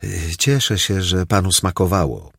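A man's voice: sits low, normal speed, creaky, husky, dry recording, clean studio sound, exaggerated voice. A man voicing a frightened, polite young orphan boy in a storybook reading. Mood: timid. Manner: timid, polite.

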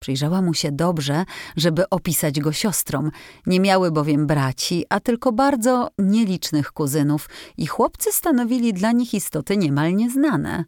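A woman narrating an audiobook story in an even, measured reading. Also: fairly low pitch, no echo, studio quality.

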